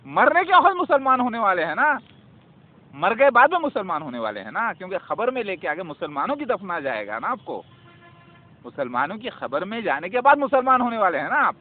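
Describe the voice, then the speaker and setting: A man's voice: high-pitched, big pitch swings. A man preaching to his viewers in a fervent, scolding religious monologue full of rhetorical questions. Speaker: self-styled religious preacher. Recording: tinny phone-like audio with faint noise.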